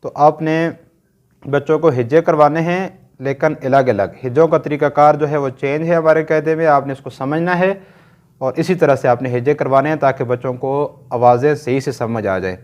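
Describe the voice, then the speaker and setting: A man's voice: fairly high pitch, normal speed, a little mellow, highs cut off. A man with a Pakistani Urdu accent teaching Quran reading in a recorded lesson, patiently drilling short sounds one by one and checking that learners follow.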